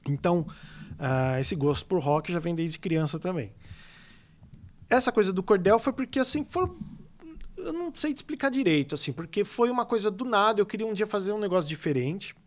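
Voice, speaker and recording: In a high-pitched voice at a fairly quick pace, a São Paulo man with a São Paulo Portuguese accent tells stories as a guest illustrator on a casual podcast. The delivery is animated and rambling, thick with fillers.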